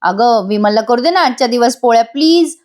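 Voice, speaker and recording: A woman's voice: a little high, lively intonation, brisk, a little mellow, close to an everyday voice. Wheedling sly young woman, read by a narrator. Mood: pleading. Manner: wheedling, coaxing.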